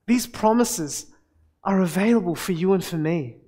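A middle-aged man preaching a sermon as senior pastor, speaking in an animated, conversational way with a handheld mic at a lectern. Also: high voice, normal speed. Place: church hall with stage and projection screen. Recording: long hall reverb.

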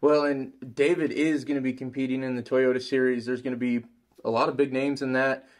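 A man in his thirties hosting a fishing interview, relaxed and a bit hesitant, setting up questions in a small room. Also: mid-range voice, brisk. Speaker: interview host. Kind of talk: casual interview. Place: small indoor room at a table.

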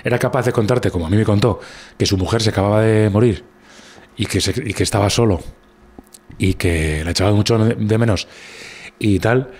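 Husky low-voiced Spanish man. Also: fairly quick, darkish tone. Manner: rambling anecdotes with many restarts. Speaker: guest comedian. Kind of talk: casual conversation.

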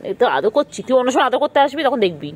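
A woman's voice: a little high, big pitch swings, fast talker. A woman filming cats on an empty street at night, chatting casually and coaxing them with affectionate, repetitive baby talk.

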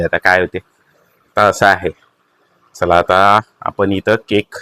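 A man with a Marathi accent hosting a casual family vlog, chatty, coaxing and playful. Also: fairly low pitch. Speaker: vlog host.

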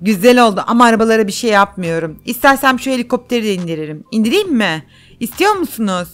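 A woman's voice: on the high side, very animated, quick pace, a bit bright. Boastful woman narrating a game. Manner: boastful, chatty, repeats phrases, addresses viewers directly. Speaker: gameplay video host. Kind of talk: playful gameplay commentary for children.

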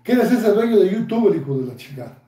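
A man's voice: high voice, very animated, fast, dark tone, roomy sound. A Mexican man in his fifties ranting angrily in a vlog, taunting and cursing constantly. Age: 50s. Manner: angry, profane, taunting. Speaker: YouTuber.

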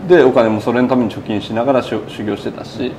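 A burger shop owner in his thirties is interviewed indoors in his small shop, wearing a lapel mic. He tells his story casually and chattily in long run-on sentences, quoting what people said. His medium-pitched voice is dark-toned and fairly even, his pace quick, with slight background noise.

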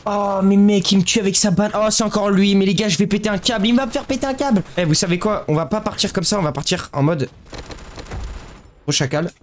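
A man giving casual gameplay commentary, excitable and slangy, often yelling at the game. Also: high-pitched, fast talker. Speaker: gaming YouTuber.

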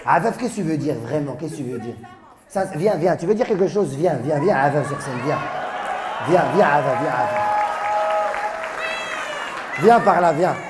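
A man's voice: a little high, expressive, a little fast. A male stand-up comedian doing live crowd work, teasing audience members and chuckling through his lines. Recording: roomy live hall with crowd noise.

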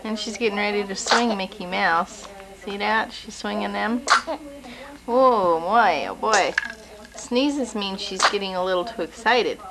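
A woman's voice: mid-range voice, a little slow, a crowd in the background, poor audio. A mother narrating a home video of her baby in the living room, talking sweetly to the infant while holding a camcorder. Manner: chatty, talks sweetly to the baby. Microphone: handheld camcorder.

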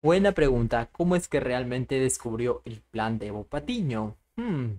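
A young man hosts a casual cartoon reaction. His voice sits at a middle pitch and is picked up by a close microphone in a small room. He comments informally on what he watches. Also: expressive, a little slow, dark tone. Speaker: reaction video host. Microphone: close boom-arm microphone.

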